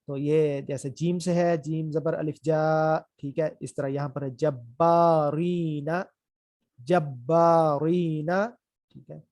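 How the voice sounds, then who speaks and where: A man teaching Quran reading, who spells out letters and vowel marks slowly, then speeds up to explain, and keeps checking in with his students. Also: on the high side, steady tone, darkish tone, no room sound. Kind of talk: recorded reading lesson.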